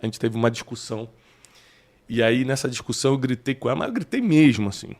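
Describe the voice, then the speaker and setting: A Brazilian Portuguese-accented man in his forties hosts a relaxed conversation. His voice is gravelly and sits at a middle pitch, and he tells stories with animated swings that turn loud at the punchlines. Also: fast. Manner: animated storyteller, bursts loud and high at punchlines. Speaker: host. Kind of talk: casual interview conversation.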